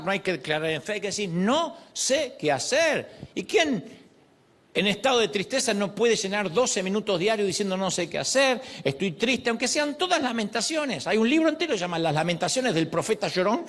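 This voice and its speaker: A man's voice: sits high, a bit bright. A middle-aged man preaching a sermon, acting out prayers and quoted voices. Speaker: pastor.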